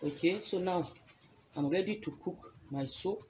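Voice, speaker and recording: Slow woman explaining a craft. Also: lowish voice. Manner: slow, chatty step-by-step explaining. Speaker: soap-making instructor. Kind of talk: casual hands-on demonstration. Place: indoor workspace. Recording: noisy phone recording.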